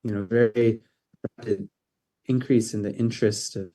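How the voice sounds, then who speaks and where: A man's voice: on the low side, fairly even intonation, moderate pace, dark tone. A man in his thirties from California, answering interview questions about his career in a casual, hesitant way with many ums and restarts. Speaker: interview guest, optics researcher.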